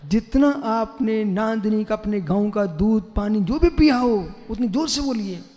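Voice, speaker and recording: A man giving a live religious sermon to a congregation, animated and calling on listeners to repeat after him loudly. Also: sits high, unhurried. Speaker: Jain monk preacher. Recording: long hall reverb.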